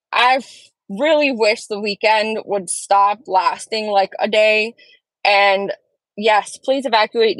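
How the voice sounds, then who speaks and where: Recorded at home in rough quality with no echo, this woman runs a casual live stream in a mid-range voice. She talks with her audience, reading their comments and responding earnestly.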